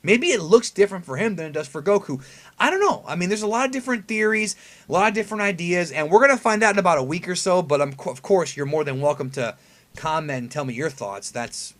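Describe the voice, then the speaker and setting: A man's voice: high-pitched, animated, fast talker, a bit bright. A man hosting casual, conversational fan commentary on an anime episode preview, emphatic and given to rhetorical questions. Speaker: anime review video host.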